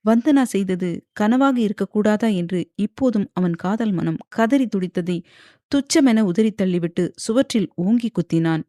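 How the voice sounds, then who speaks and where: A woman's voice: mid-range voice, unhurried, no room sound, studio quality. Woman narrating a romance audiobook. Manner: steady storytelling. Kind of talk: scripted narration.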